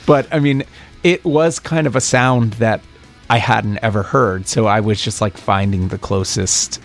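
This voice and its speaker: Enthusiastic low-voiced man recalling stories. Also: unhurried, soft background music. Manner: excited, rambling storytelling. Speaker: recording engineer and producer, guest. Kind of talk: casual interview chat.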